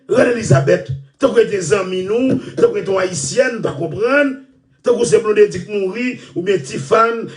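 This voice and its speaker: A man with a Haitian Creole accent, ranting loudly and repeating himself. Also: sits high, far from the mic. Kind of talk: impassioned rant.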